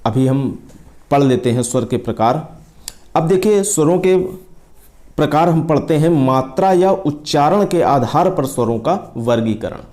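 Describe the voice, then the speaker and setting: A male teacher with a mellow, relaxed tone that sits a little high. He walks through an exam-prep lesson, repeating key terms and drawing out sounds to show their length. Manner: explains step by step, repeats key terms, stretches vowels to demonstrate.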